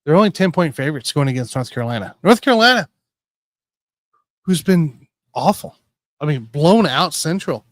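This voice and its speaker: A man hosting a casual sports betting show, rambling and correcting himself as he tells excitable stories. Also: on the high side, normal speed, long pauses, no echo, clean studio sound. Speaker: podcast host.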